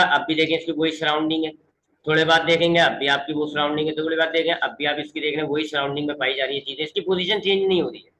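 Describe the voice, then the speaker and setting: A man teaching a physics lesson online. He speaks slowly and deliberately, repeating points and switching between English definitions and explanation. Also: fairly high pitch, bright, forceful tone, slight background noise, poor audio. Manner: mixes English definitions into Urdu-flavored explanation, repeats for emphasis. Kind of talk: online classroom lecture.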